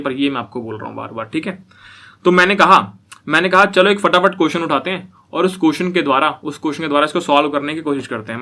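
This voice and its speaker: Brief: young male programming lecturer, bright, slightly high voice, repetitive teaching style. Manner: repetitive, asks listeners if they follow. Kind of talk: classroom coding lecture.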